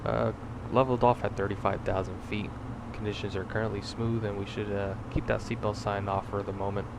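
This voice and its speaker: A young man giving a formal, courteous, slightly halting pilot's announcement to passengers, over loud engine rumble. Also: flat delivery, gravelly. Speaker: simulated airline pilot addressing passengers.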